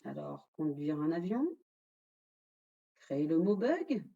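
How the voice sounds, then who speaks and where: A woman's voice: low voice, sing-song, slow pace, vocal fry, mellow, husky, highs cut off. A French-speaking woman presenting a quiz in an online webinar, addressing the audience directly and revealing the answers.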